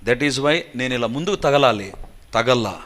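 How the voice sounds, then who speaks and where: Animated male preacher. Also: mid-range voice, normal speed. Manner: animated storytelling, acting out voices and cries. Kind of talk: sermon testimony storytelling.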